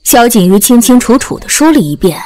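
A woman narrates a serialized novel with expressive storytelling. Her voice sits a little high and moves lively up and down. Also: fairly quick. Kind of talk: audiobook narration.

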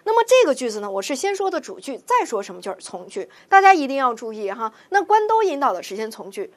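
Lively, high-pitched woman teaching grammar. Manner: asks rhetorical questions, then answers them herself; reads example sentences slowly and deliberately. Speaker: Spanish teacher. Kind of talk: grammar lecture.

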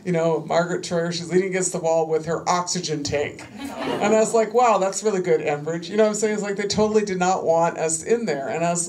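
A woman's voice: lowish voice, darkish tone. A middle-aged woman speaking as a panel guest, telling stories loosely with many fillers, her voice rising and sharpening when she quotes herself confronting others. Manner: loose, rambling delivery full of "you know" fillers. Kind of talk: casual storytelling on a panel.

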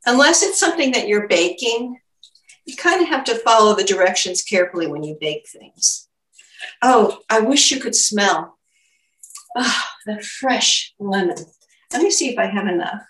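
An older woman shows how to cook something in her home kitchen, explaining every step out loud in an animated, fairly bright, medium-pitched voice at normal speed. The distant camera mic leaves the recording echoey.

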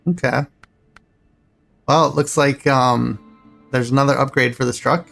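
A man's voice: medium pitch, steady tone, unhurried, gravelly, a bit bright, soft background music, rough recording. A man casually commenting on his driving game as he plays, thinking aloud and rambling between choices. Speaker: gaming channel host.

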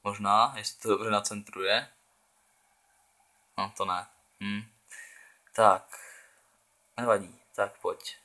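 A man's voice: fairly low pitch, fairly even intonation, long pauses, bright, forceful tone. A young man from the Czech Republic giving casual, chatty commentary while playing a football video game, thinking aloud and urging on his players. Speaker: gaming channel host.

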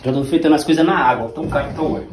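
A man in his thirties with a Brazilian Portuguese accent hosts a home cooking vlog, chatting and joking in slang as he cooks for the camera. His voice is fairly high and a little mellow, and he talks very fast. The small home kitchen is echoey, with clattering dishes and noise.

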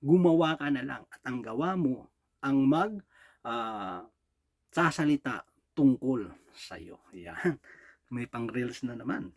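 A man's voice: medium pitch, lively intonation, slow, long pauses, no room sound. A Filipino man preaching a sermon in a mix of languages, often asking "di ba?" and "no?" and chuckling between points. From Philippines. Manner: rhetorical "di ba?" and "no?" checks with the congregation, frequent chuckles. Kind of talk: Taglish sermon.

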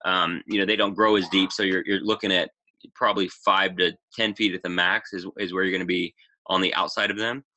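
A man's voice: low-pitched, fairly even intonation, brisk, sharp tone. A man in his thirties casually presenting a fishing webinar over slides, full of "you know" and "um" fillers, recorded on a webcam mic in a small room. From Pacific Northwest, United States.

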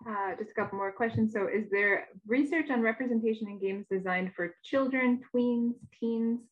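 A woman's voice: fairly high pitch, moderate pace. A woman moderating a conference session over a video call, reading out audience questions with frequent fillers. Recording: dull lo-fi video call audio.

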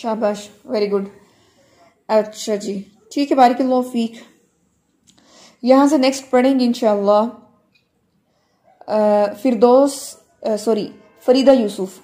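A woman tajweed teacher running an online Quran recitation class, correcting students and modelling the recitation slowly. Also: a little high, dark tone.

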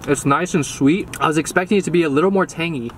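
A young man with a slightly high voice reviews food in an upbeat, slangy, joking way, his mouth partly full as he talks. He is outdoors, with faint traffic noise behind him. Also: quick pace, a bit bright. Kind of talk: casual food review vlog.

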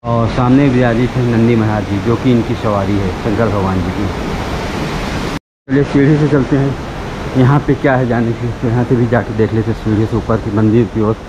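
A man's voice: medium pitch, steady tone. A man narrating a walking tour vlog at an outdoor temple site, chatty and admiring, talking straight to his viewers. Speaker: travel vlogger. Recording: loud waterfall noise outdoors. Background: loud rushing water.

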